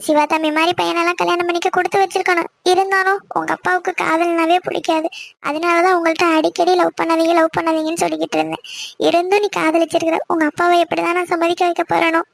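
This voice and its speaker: In Tamil cartoon voice acting, a woman plays a worried middle-aged village mother who is timid of her husband, pleading apologetically. Her very high, fast voice is creaky yet flat and level in delivery. The sound is close and dry, with no room sound.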